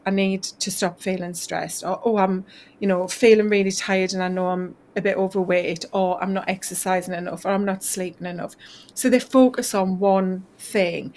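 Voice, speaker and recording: A health coach from northeast England, speaking with a Northeast English accent, is a guest in a casual video call interview. Her mid-range voice comes through a video call mic as she talks earnestly and thoughtfully, often saying "you know."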